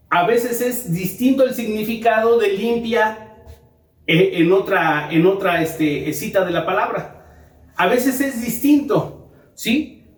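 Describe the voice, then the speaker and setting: A man's voice: high voice, echoey room, far from the mic. A man preaching a sermon to a congregation, asking them rhetorical questions. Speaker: pastor. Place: church.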